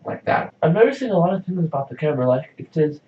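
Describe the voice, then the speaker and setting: A young South African vlogger rattles on in a very animated, fast, high-leaning voice, saying "like" over and over in his casual video diary. Recorded by a distant camera mic, the audio is roomy and dull with a lo-fi quality.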